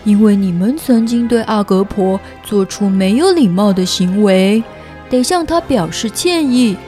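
A woman's voice: mid-range voice, animated, measured pace, dark tone, soft background music, close to an everyday voice. A woman playing an earnest, dutiful little fairyland soldier who explains things in a children's audio storybook. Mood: earnest, informative.

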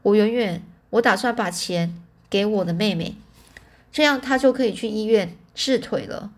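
A woman's voice: mid-range voice, moderate pace, lightly acted. An earnest young boy explains his choice with sincerity, voiced by a woman reading a storybook in her own voice. The reading is plain, with small stumbles and restarts.

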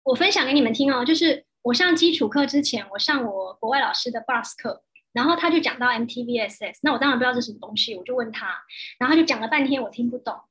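A woman with a Taiwanese Mandarin accent, teaching a course in a casual way and telling animated stories with frequent laughter. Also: on the high side, fast talker. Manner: animated, laughs often, acts out quotes. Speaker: course instructor. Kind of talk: casual teaching talk with storytelling.

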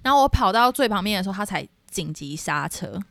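A young woman tells a story on a casual podcast. Her pitch swoops up and down all the time, and she shouts out quoted lines. The sound is close and dry. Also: brisk, creaky, no room sound. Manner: animated, dramatic retelling with shouted quotes. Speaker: podcast co-host.

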